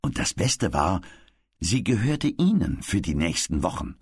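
A man reading a children's story aloud as narrator, with expressive, lively delivery. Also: sits low, unhurried, slightly rough, no echo.

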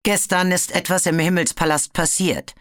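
A storybook narrator voicing a calm sea dragon who speaks dryly and evenly. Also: mid-range voice, no room sound, voice pushed up, natural voice. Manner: dry, measured. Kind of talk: audiobook character voice.

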